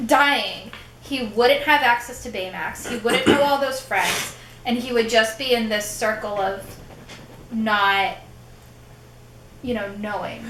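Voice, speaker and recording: A woman's voice: on the high side, slow, a bit bright, reverberant, slight background noise. A woman chatting casually as a panelist, enthusiastic and giggly while counting down votes. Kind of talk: casual chat.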